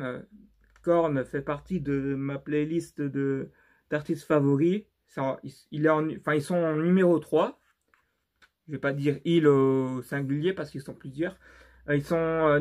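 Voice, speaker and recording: Young male vlogger, non-native French accent, slow and halting, fairly high voice. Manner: halting and unsure, many fillers and restarts. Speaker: YouTuber showing his CD collection. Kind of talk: casual vlog commentary.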